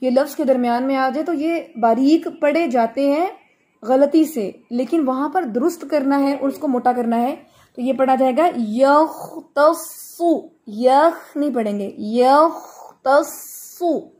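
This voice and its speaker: A woman's voice: high-pitched, a little slow, darkish tone. A woman teaching Quran recitation, patiently correcting a student's pronunciation and chanting the verses melodically.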